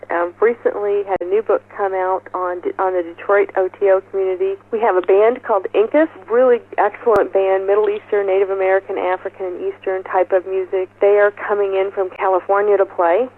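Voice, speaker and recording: A woman with a medium-pitched voice, a festival organizer, explains event details in an informal interview. She sounds upbeat and enthusiastic, though the telephone line is muffled.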